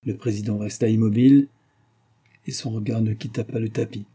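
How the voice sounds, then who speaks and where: Male audiobook narrator, measured reading, very dark and husky voice. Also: lowish voice, steady tone.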